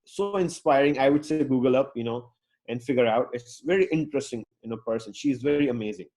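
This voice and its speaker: Speaking quickly in a mellow, mid-range voice, a UX designer from Pakistan chats casually with online viewers. English is his fourth language, learned later, and his talk is outgoing and rambling, packed with fillers and restarts.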